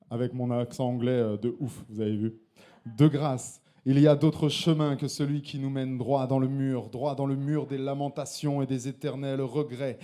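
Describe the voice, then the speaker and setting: A man's voice: mid-range voice, dark tone. A man performing his slam poem live on stage, with playful, laughing asides between verses. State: tipsy from beer. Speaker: slam poet and co-host. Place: live slam venue with audience.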